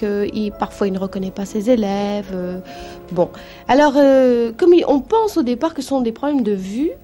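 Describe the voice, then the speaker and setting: A woman telling a story on the radio, lively, with many fillers. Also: fairly high pitch. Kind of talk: anecdote storytelling.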